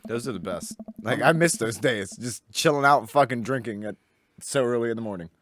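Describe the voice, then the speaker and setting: A man's voice: mid-range voice, fairly quick, a bit bright, no echo, clean studio sound. A man bantering crudely and joking over a game, swearing often. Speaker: let's play co-host. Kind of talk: casual banter over gameplay.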